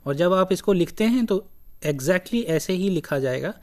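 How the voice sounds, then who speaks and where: Slow, patient lecturer. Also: mid-range voice, animated, darkish tone. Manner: slow, deliberate, breaks phrases into short pieces; patient explaining, repeats key words. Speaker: language lecturer. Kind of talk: recorded educational lecture.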